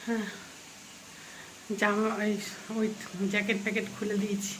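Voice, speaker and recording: A woman's voice: mid-range voice, completely flat delivery, normal speed. A woman chats her way through cooking in a home kitchen, rambling from one aside to the next and full of fillers. She has a cold. There is a faint hiss of background noise. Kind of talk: casual cooking vlog chat.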